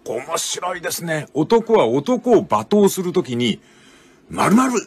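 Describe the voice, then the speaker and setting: An older man hosting a radio talk show, commenting on a book in a folksy storytelling way with drawn-out emphatic phrasing. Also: a little high, big pitch swings, breathy edge. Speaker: radio host.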